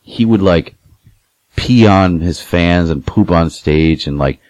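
Deep-voiced young man telling profane stories. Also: slow pace, dry recording. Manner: animated, swears a lot, acts out quotes. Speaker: podcast guest telling stories. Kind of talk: casual profane storytelling.

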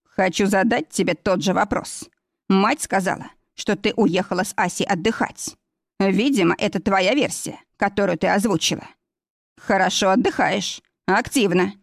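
A woman's voice: medium pitch, creaky, no room sound, clean studio sound. A woman doing a proud, jealous, threatening man. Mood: cold. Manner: slow, menacing.

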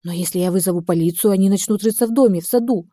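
A woman's voice: medium pitch, racing, mellow, no echo, close to an everyday voice. A woman reading the part of a frantic, furious young woman on the phone, pleading and hysterical.

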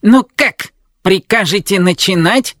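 A creaky, metallic-sounding robot officiant, played by an actor, fussy and long-winded, grumbling through its programmed duties. The delivery sits at a middle pitch and is recorded close and dry with no room sound. It suits an audio drama. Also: a little slow, a bit bright, no room sound. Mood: puzzled.

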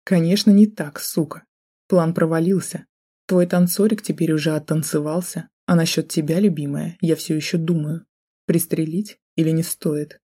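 A woman's voice: low voice, steady tone, normal speed, mellow, slightly rough. A woman reading an audiobook, voicing a jealous, drunk man who holds a gun and taunts with sneering threats. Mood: menacing.

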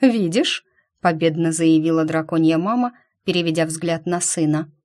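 A woman reading a first-person fantasy novel aloud in steady storytelling narration. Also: low voice, moderate pace. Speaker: audiobook reader.

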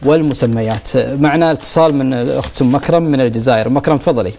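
Guy hosting a call-in show, talks real fast, mid voice. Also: mid-range voice, vocal fry, darkish tone, slight background noise. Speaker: talk show host.

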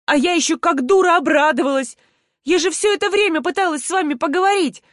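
A woman's voice: lively intonation, moderate pace, no room sound, studio quality. Kira, a woman playing an indignant young woman. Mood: indignant shouting. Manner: indignant, tearful, shrill when upset. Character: young woman student, hurt and defiant.

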